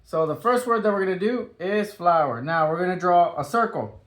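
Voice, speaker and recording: A man's voice: sits high, normal speed, fairly bright tone. A man leading a step-by-step drawing tutorial for children, upbeat and sing-song, dropping in playful sound effects as he draws.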